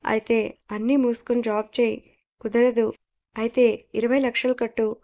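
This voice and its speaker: A woman reading a young man who bosses and teases the woman he loves. His lines stay close to her own slightly high, even reading voice. The audio sounds muffled and lo-fi. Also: normal speed, natural voice. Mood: bossy. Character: young man, boss, teasing and bossy lover. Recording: dull lo-fi audio.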